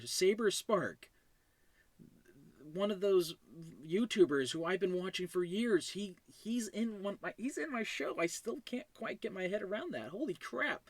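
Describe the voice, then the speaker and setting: The host and creator of an animated web series delivers an unscripted thank-you monologue in a fairly high male voice. He's casual, effusive, emotional and overjoyed, stammering and trailing off, and there's no room sound.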